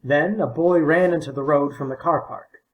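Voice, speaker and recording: A man narrating a short story in a measured, plain reading style. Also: fairly high pitch, narrow, tinny audio. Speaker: audiobook narrator.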